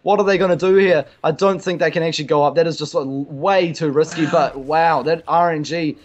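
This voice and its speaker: A man giving esports color commentary in a relaxed, halting way with fillers, reacting fast to plays. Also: on the high side, highs cut off. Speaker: esports caster.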